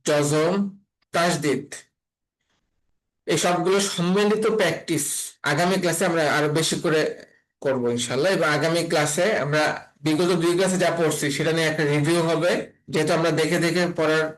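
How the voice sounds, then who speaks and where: A man's voice: on the high side, steady tone, moderate pace, pauses often, rough recording. A man teaching an online Quran reading class, patiently spelling out letters and repeating each sound.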